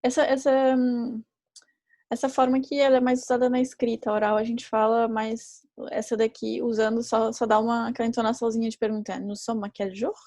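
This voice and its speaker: A woman teaching a live online class who explains patiently and repeats each example slowly. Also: fairly high pitch, level tone, a little mellow, no room sound. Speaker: French teacher.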